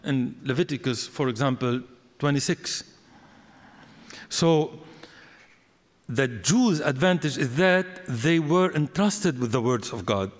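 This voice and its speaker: Slow-speaking man lecturing in a hall. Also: mid-range voice, expressive. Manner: deliberate, explanatory, with fillers and restarts. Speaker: biblical studies lecturer. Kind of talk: academic lecture. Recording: long hall reverb.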